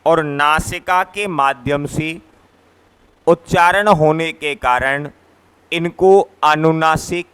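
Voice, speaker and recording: A man teaching a grammar lesson in a classroom, his fairly high voice smooth and clear. He speaks slowly and patiently, sounding out each letter in turn and going back over his points. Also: steady tone, a bit bright. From Rajasthan, India. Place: classroom, writing on a board.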